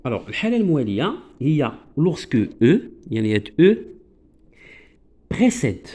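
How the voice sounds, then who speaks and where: A man with a Moroccan accent teaching a French grammar lesson, repeating key words slowly and often asking his listeners to focus. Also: medium pitch, very animated, darkish tone. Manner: keeps urging listeners to focus.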